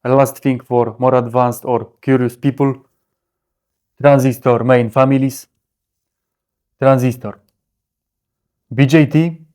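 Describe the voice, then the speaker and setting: Using clipped, blunt fragments that leave out small words, a man explains electronics in deliberately caveman-style broken English, frequently asking "okay?". His voice is medium-pitched and somewhat dark.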